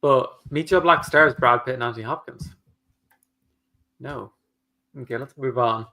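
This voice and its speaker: A man of middling pitch chats on a livestream, often half talking to himself. His asides come out dry and exasperated. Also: measured pace, pushed and bright. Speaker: co-host of a writing livestream. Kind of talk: casual livestream chat.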